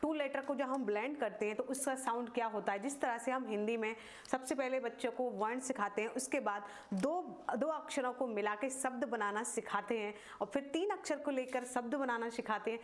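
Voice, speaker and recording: High-voiced woman teaching phonics. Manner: slow, drawn-out letter sounds, explaining patiently step by step. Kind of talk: phonics lesson for parents.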